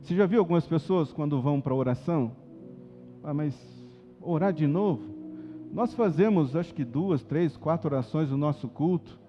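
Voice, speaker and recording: Brazilian male pastor, high-pitched, animated sermon delivery, long church reverb. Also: fairly quick, hardly any pauses, muffled recording, soft background music. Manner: animated, swings from soft to loud and emphatic. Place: church auditorium.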